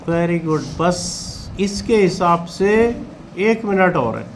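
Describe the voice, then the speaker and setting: A high-voiced male teacher talks slowly and unhurriedly in a classroom, keeping watch over students during a test. He coaxes them gently and calls them by name, and a faint hum of the room stays in the background. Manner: calm, coaxing, addresses students by name.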